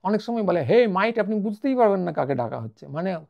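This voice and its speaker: A man's voice: high voice, very animated, fast, creaky. A man giving a wry, mocking monologue commentary, sounding letters out one by one. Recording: dull lo-fi sound.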